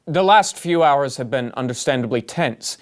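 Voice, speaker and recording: A man's voice: medium pitch, animated, normal speed, natural voice. An actor playing an earnest, dramatic male breaking news anchor in a comedy sketch, with an urgent announcer delivery. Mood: grave.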